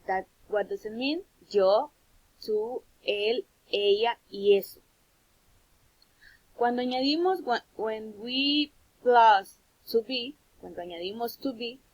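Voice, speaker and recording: A woman's voice: fairly high pitch, husky, lo-fi sound. A woman from Honduras with a Honduran Spanish accent, teaching a recorded English lesson and explaining things in both English and Spanish. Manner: slow, patient, repeats words for pupils to copy; switches between English and Spanish.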